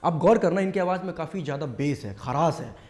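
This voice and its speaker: A man's voice: a little high, lively intonation, a little fast, darkish tone. Chatty man teaching mimicry. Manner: chatty, explains step by step with many fillers. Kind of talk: casual tutorial talk.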